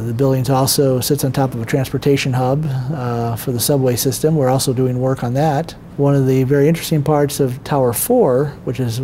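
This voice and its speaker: A man's voice: medium pitch, mellow, slight background noise. A male engineer explaining a building project in a local TV interview, with many fillers.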